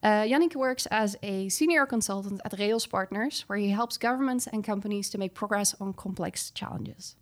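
A woman's voice: medium pitch, normal speed, few pauses. A woman hosting a podcast interview, giving a friendly scripted introduction and asking questions. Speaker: podcast host.

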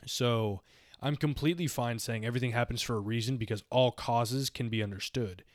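A man's voice: medium pitch, fairly quick, no room sound, clean studio sound. Rambling young man musing philosophically. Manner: rambling, reflective, heavy use of "like". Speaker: podcast co-host. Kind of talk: casual philosophical chat.

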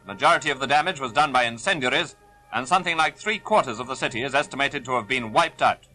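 A man's voice: medium pitch, fast talker, bright, forceful tone, faint music behind, low-quality recording. Man narrating an old 1940s newsreel. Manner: formal, stern and declaiming. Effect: old newsreel soundtrack played back. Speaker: newsreel announcer.

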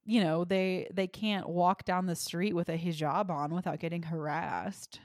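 A woman's voice: fairly low pitch, fairly even intonation, measured pace, darkish tone, no echo, studio quality. A woman co-hosting a podcast in casual chat, blunt and exasperated, with many "like" fillers. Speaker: podcast co-host.

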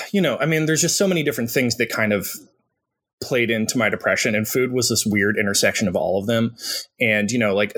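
A young adult man in a relaxed conversation, his voice at an ordinary middle pitch. He rambles, fills gaps with "like" and "you know" and restarts his sentences as he goes. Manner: rambling, many fillers and restarts. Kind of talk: casual conversation.

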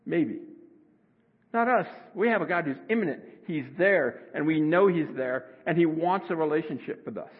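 A man preaching a sermon as pastor, earnest and conversational, with sudden rises in pitch. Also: animated, normal speed, breathy edge. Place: church sanctuary. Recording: tinny phone-like sound, long hall reverb.

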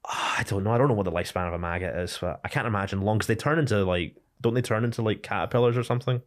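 Low-voiced joking man in casual chat. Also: rapid-fire. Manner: joking, laughs often. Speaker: podcast co-host.

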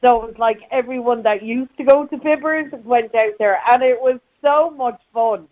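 A dull, band-limited phone-in recording of a middle-aged woman with a west of Ireland accent. Her voice sits fairly high. She chats in a loose, colloquial way, reminiscing as a caller to a radio show. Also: normal speed. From County Clare, west of Ireland. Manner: chatty, colloquial. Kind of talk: casual chat, reminiscing. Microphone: phone call to a radio show. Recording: dull, muffled call-in line.

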